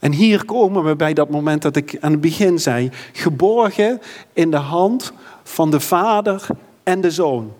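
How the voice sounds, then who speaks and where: A man's voice: fairly high pitch, expressive, measured pace, a little mellow. Earnest male preacher in reverberant church. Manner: earnest, rising to fervent emphasis. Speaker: pastor. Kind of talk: sermon and prayer.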